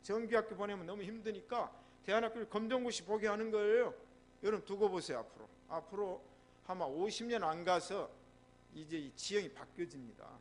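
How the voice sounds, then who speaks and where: A man's voice: high-pitched, brisk. A man with a Jeolla accent preaching a sermon as pastor, telling stories and prompting replies from the congregation. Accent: Jeolla Korean. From Jeolla, South Korea. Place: church sanctuary.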